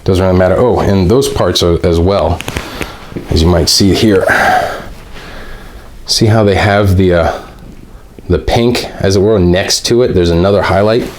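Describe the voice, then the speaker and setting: Man, lowish voice, reading aloud with commentary, halting, slow and deliberate. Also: darkish tone, slight background noise. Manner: halting, with frequent pauses and restarts; reads slowly and deliberately. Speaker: video host.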